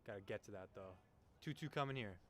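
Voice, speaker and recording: Fast and a bit bright, this fairly low male voice belongs to a young Canadian doing informal, jokey baseball play-by-play. The live broadcast behind him is noisy.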